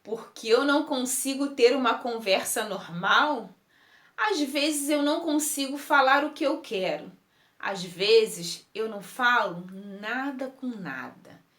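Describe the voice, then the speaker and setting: A woman reading a first-person text aloud, slow and emotive, lingering on words. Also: on the high side, expressive, fairly bright tone. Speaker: reader. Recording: roomy echo.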